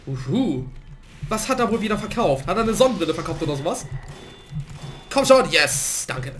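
A man commentating his own gameplay in a let's play, a little hoarse from a cold and prone to excited outbursts. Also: high-pitched, moderate pace, soft background music. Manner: excitable, swings to loud outbursts and laughter. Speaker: gaming let's player.

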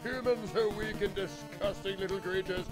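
A man voicing a pompous intellectual villain who despises humans, slow and theatrically menacing, dubbing retro game dialogue. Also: high voice, steady tone, lightly acted. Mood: pompous menace. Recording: retro game music behind voice.

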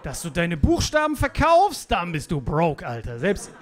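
Young male stand-up comic, animated club set, lively swings of pitch, slangy. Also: normal speed, a faint crowd. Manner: animated, jumps between loud bursts and muttered asides; street slang with English phrases. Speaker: stand-up comedian. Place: comedy club stage before a live audience.

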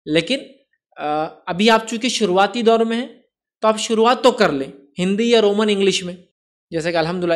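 Explaining religious rulings, an Islamic speaker with a high voice takes viewers' questions in a Q&A lecture. He blends English words into Urdu and keeps asking "right?" to make sure he's understood.

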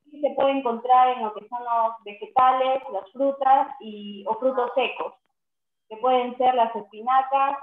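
A young woman gives a class presentation over a video call, her voice echoing, with steady delivery and many "eh" fillers. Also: high-pitched. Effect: echo on her voice over an online class call. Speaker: student presenting. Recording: echoey tinny video call audio.

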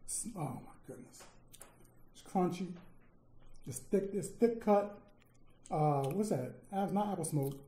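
Lady talking w her mouth full, low mellow voice, kinda echoey room. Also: a little slow, pauses often. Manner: relaxed, savoring food commentary. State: talking while chewing. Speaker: co-host of an eating channel. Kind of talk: casual mukbang chat.

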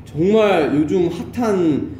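A man's voice: high voice, takes it slowly, dark tone. A young man hosting a casual livestream from a large practice room, teasing and laughing often, picked up by a phone camera on the floor. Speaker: livestream host. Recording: roomy echo with faint noise.

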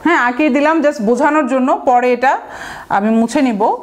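A Bangladeshi woman with a high voice gives a recorded vocabulary lecture. She explains step by step, repeats the key words and slips English terms into her talk. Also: normal speed.

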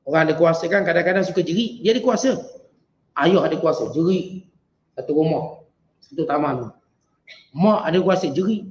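A man with a Malaysian Malay accent teaching a Quran exegesis lesson, chanting Arabic verses slowly and then explaining them in lively everyday speech. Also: fairly high pitch, roomy sound, slight background noise, poor audio. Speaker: religious teacher.

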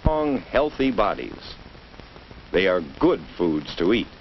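An American man narrates a 1950s instructional film in a low voice with big pitch swings. He is measured and speaks straight to a child, posing rhetorical questions. The vintage educational soundtrack is dull and noisy.

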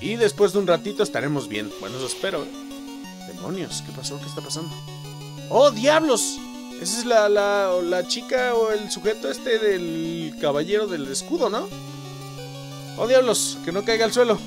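A man with a Mexican Spanish accent gives joking, excitable let's-play commentary, swearing often. His voice sits fairly high and jumps around in pitch. Game music plays steadily behind him. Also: normal speed. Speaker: gaming YouTuber.

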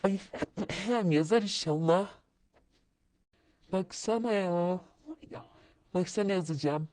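A woman's voice: slow, dark tone, no echo. A woman vlogger chatting casually to her viewers while she types messages, muttering to herself and breaking into sudden exclamations. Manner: sudden high-pitched exclamations. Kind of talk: casual screen-recorded commentary.

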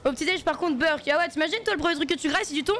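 A woman speaks in rapid-fire bursts with a high-pitched, fairly bright voice. She's playing a game on stream, talking to chat in a loose, slang-heavy way.

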